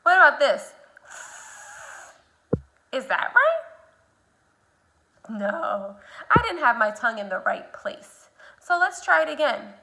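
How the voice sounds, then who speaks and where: A woman teaching a speech sound lesson, modeling speech slowly with exaggeration and guiding the learner step by step with simple prompts. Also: sits high, very animated, creaky, very noisy.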